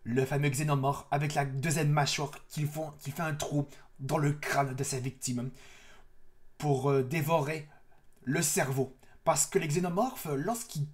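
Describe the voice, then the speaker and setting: A man's voice: fairly high pitch, fairly even intonation, measured pace. A man hosting a casual trailer reaction video, talking eagerly with frequent restarts. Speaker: YouTube reaction host.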